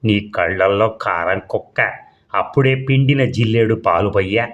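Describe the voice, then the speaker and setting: A man voicing a feisty, sharp-tongued middle-aged housewife in a comic audio story. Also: lowish voice, normal speed, highs cut off, lightly acted. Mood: scolding.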